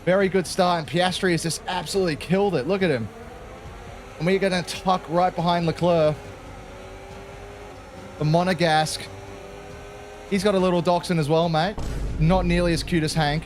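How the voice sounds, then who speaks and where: An Australian man commentating his own racing game run in a casual, joking way. His voice sits slightly high, and he keeps dropping in "mate". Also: steady tone, moderate pace, long pauses, slight background noise. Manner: chatty, jokey, peppered with "mate". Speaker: gaming channel host.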